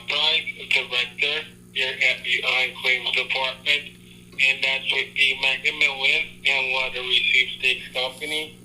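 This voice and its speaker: A man on a phone line giving a formal, overly polite scripted pitch, repeating "wonderful". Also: pushed and bright. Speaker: scam caller. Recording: tinny phone line with faint hiss.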